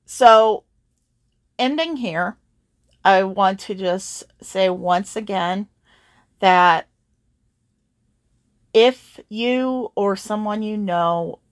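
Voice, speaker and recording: Slow-talking woman giving channel updates. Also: on the low side, no room sound, studio quality. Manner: earnest, speaking straight to listeners. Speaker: voice actor and channel host. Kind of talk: casual channel update talk.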